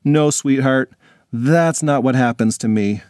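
A man's voice: mid-range voice, measured pace, a little mellow, clean tone, dry recording, clean studio sound, natural voice. A man voicing a fussy, dramatic mother who talks in a theatrical, exasperated way.

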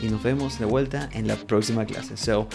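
A man's voice: lowish voice, steady tone, moderate pace, creaky, over music. A man teaching a language lesson, patiently working through examples and checking in often with his students. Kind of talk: explaining a lesson.

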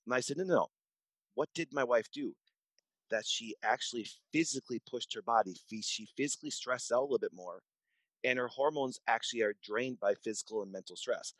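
A man's voice: mid-range voice, a little fast, fairly bright tone, no room sound, poor audio. A man in his forties speaking as a doctor in an interview, emphatic and repetitive, often restarting his sentences. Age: 40s. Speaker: podcast guest, doctor. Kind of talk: conversational interview storytelling.

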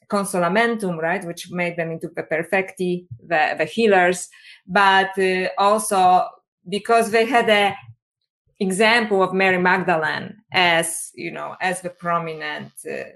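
A woman with a somewhat low voice speaks on a discussion panel. She answers at length and stops often to restart her thoughts, with fillers between phrases. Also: fairly even intonation, a bit bright. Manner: halting, many fillers and restarts. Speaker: panel guest scholar.

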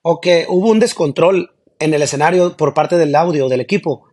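A singer chatting as a guest in an interview, relaxed and laughing easily, with slangy talk. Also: male voice, on the high side, normal speed. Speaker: singer of a regional band, guest. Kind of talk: casual interview chat.

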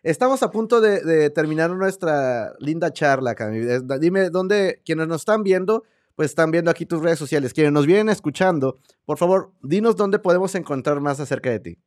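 A man's voice: fairly high pitch, expressive, moderate pace, darkish tone. A man hosting an interview, asking questions with friendly, stumbling restarts. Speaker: interview host. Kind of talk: casual interview.

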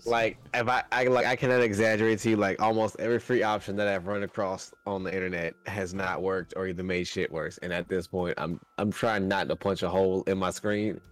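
A man's voice: deep voice, flat delivery, fairly quick, hardly any pauses. A man, chatting casually in a blunt, profane, complaining way. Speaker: podcast guest. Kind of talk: casual chat.

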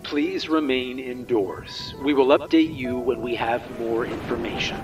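A man narrating a story, reading out a slow, measured official announcement as if it booms from a distant loudspeaker outside. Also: over music. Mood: calm. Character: calm female loudspeaker announcement voice. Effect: booming loudspeaker voice from outside, distant. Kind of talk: scripted horror story narration.

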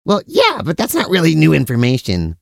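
A man's voice: fairly high pitch, huge pitch swings, a little fast, vocal fry, dry recording, studio quality, full character voice. A man playing a cheerfully oblivious, food-loving brother who is vain about his mustache, in a comic audio drama. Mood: distracted, chatty. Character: mustache-proud, food-loving, easily distracted silly brother.

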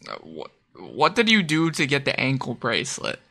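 A woman hosting a loose chat, her voice very low in pitch yet bright. She swings her pitch around a lot while joking and swearing in reaction. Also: wildly swooping pitch, moderate pace, creaky, slightly rough. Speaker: host reading chat. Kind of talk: casual chat.

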